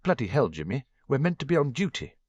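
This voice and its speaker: A man's voice: medium pitch, big pitch swings, quick pace, slightly rough, no echo, muffled recording, voice pushed up. A man voicing a dutiful young male Auror with a strident, reprimanding way of talking. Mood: reproachful.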